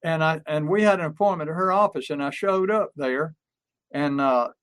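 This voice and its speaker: Older male co-host, slightly high voice, talks like an emphatic storyteller who repeats key phrases. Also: normal speed, a bit bright, clear, resonant tone. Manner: anecdotal storyteller with frequent restarts and fillers. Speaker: podcast co-host and marketing coach. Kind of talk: casual podcast talk.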